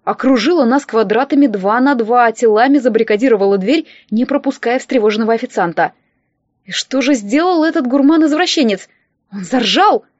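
A woman narrating a humorous romance audiobook in a wry, lively first-person manner. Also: a little high, brisk, no echo, lo-fi sound.

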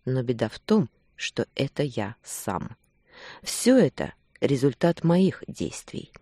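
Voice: medium pitch, big pitch swings, takes it slowly, warm tone, dry recording. An audiobook reader narrating a first-person romance with intense, emotional delivery.

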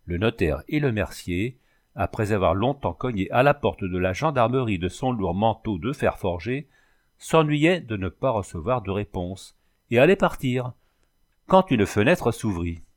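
A man with a fairly low voice reads a classic story aloud. His narration is even and measured, steady from one sentence to the next. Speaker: audiobook reader. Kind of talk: scripted narration.

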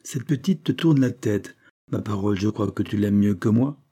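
A man voicing an old peasant father, stern and gruff but kind, in an audiobook reading. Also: on the low side, normal speed, dark tone.

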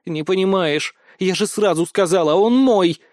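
A man voicing a small, feisty pigtailed female student who speaks in a shrill, heated way. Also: animated, moderate pace, no echo, studio quality. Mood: furious.

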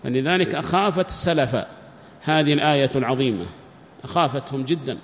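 A man's voice: mid-range voice, fast talker. A man giving a religious lesson, speaking emphatically with repeated phrases and rhetorical questions. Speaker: religious teacher. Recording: long reverb with faint background noise.

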